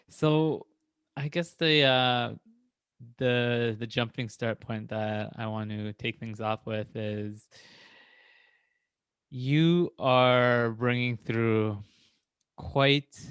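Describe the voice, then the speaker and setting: A man's voice: mid-range voice, a bit bright, smooth, no echo. A man hosting an interview podcast, asking earnest, rambling questions with restarts. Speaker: podcast host.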